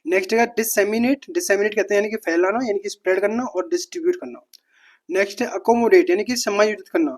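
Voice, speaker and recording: An exam-prep teacher running a brisk vocabulary drill, naming each word, repeating it, then glossing it in a steady listing cadence. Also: mid-range voice. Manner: brisk, matter-of-fact delivery with quick self-corrections. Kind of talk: rapid-fire vocabulary drill.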